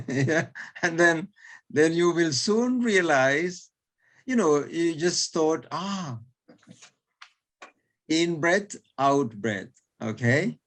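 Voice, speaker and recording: A man's voice: on the high side, expressive, takes it slowly, a bit bright. A male teacher explaining in an online lesson, hesitant, repeating words with many fillers and chuckling between points.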